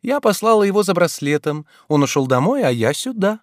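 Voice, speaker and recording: A man voicing a playful, teasing young woman in an audiobook, lively and capricious. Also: sits high, fairly quick, no room sound, clean studio sound, voice pushed up. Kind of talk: audiobook character reading.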